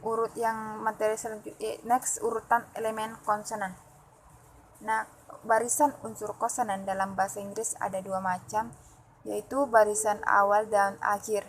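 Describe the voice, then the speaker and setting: A woman presenting phonology material as a student, reading her notes aloud and pausing often with fillers and restarts. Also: mid-range voice, flat delivery, a little hiss or hum, low-quality recording. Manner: halting, with frequent "eh" fillers and restarts. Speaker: student presenting an exam assignment.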